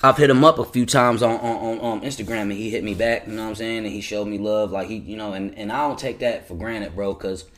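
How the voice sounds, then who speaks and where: A man hosting a podcast in a loose, rambling style, full of slang and restarts as he gives shout-outs. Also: on the low side, steady tone, fairly quick, hardly any pauses, a little hiss or hum. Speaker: podcast host. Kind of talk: casual podcast chat.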